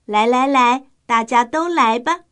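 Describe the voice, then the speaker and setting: A woman's voice: on the high side, measured pace, a bit bright. A woman voicing a kindly, patient mother duck in a children's storybook, caring and reassuring toward her ducklings. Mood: encouraging.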